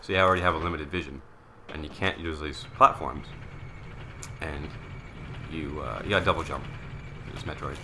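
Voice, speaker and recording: A man's voice: very deep voice, normal speed, long pauses, noisy background. A young man commentating a video game with a friend, casual and rambling, often frustrated and swearing. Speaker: let's play commentator. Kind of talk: casual gaming banter.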